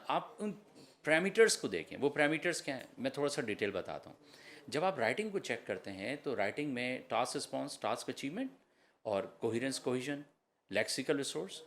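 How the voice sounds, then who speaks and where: A man's voice: medium pitch, a bit bright. A man, an IELTS trainer, answering podcast questions in an explanatory way and slipping English terms into his talk.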